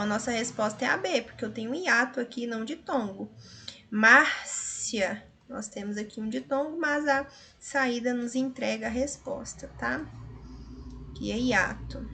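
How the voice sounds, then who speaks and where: A woman's voice: high voice, sharp tone. A woman teacher with a Brazilian Portuguese accent, working through grammar exercises and stretching out each word she analyzes. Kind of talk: grammar lesson solving exercises.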